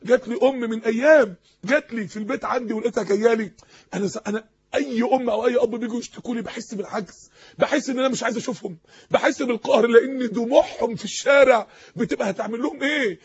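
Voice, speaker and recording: Emotional male preacher with an Egyptian accent; very high, husky voice, impassioned, dull lo-fi recording. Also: quick pace. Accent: Egyptian Arabic. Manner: emotional, impassioned, rising to shouts. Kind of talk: impassioned sermon.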